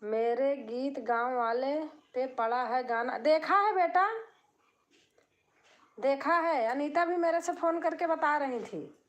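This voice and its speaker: A woman's voice: high-pitched, slow pace. Chatty older woman hosting a live stream. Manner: chatty, warm-hearted, breaks into folk singing. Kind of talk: casual live chat with viewers. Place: home.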